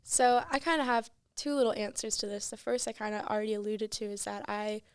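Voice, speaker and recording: A woman's voice: mid-range voice, fairly quick, clear, resonant tone, no echo, studio quality. A teenage woman, a podcast guest, telling her personal story in a casual, earnest way with lots of fillers. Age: teens. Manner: earnest, frequent "like" and "you know". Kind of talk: casual chat, personal testimony.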